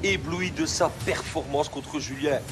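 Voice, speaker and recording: A man's voice: fairly high pitch, measured pace, very noisy. A man, a reality show contestant, casually cheering and coaching from the sidelines with short repeated encouragements. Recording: loud music behind the voice.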